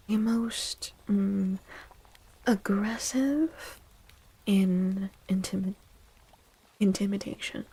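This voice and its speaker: In a rough recording, a female streamer with a medium-pitched voice offers a gentle ASMR tarot reading. She speaks softly and slowly, leaving pauses between phrases and often slipping into a breathy whisper.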